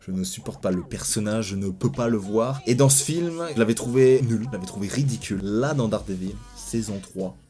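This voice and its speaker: A young man reviewing a TV series in a casual video, frank and enthusiastic, swinging between excited outbursts and low asides. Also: brisk, hardly any pauses, faint music behind.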